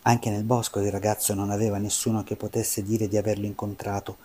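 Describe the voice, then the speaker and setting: A man reading a folk tale aloud as narrator, in a measured, expressive way. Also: lowish voice. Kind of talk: storybook narration.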